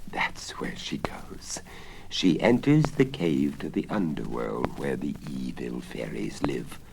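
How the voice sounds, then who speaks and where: A scheming old wizard, acted out by a man for a storybook record, low and unhurried. He coaxes and wheedles with theatrical greed, over faint vinyl crackle. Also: expressive, gravelly, exaggerated voice. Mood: scheming, gleeful. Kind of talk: dramatic storybook reading. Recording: crackly 1970s vinyl spoken-word record.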